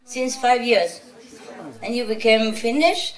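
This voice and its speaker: A woman spiritual teacher gives an informal, chatty talk to a gathering, teasing and laughing often. Her voice is a little high and her pace slow, and the recording sounds roomy and distant.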